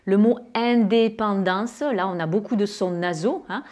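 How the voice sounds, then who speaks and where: A woman with a southern French accent teaching English pronunciation to French speakers, with many fillers and pauses, who draws out her English example words. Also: medium pitch, a little mellow. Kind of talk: spoken lesson.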